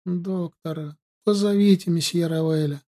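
A male audiobook reader voicing a frightened young woman who is dying and pleads faintly for help in a raised, breathy voice. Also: a little high, steady tone, moderate pace, dark tone, pitched above the performer's own voice, close to an everyday voice. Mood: pleading, terrified.

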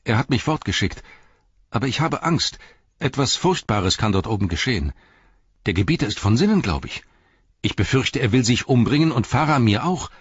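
A man voicing a frightened young hobbit who pleads in a high, urgent rush of words, in a dull, dry recording. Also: animated, moderate pace, husky, no echo. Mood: anxious.

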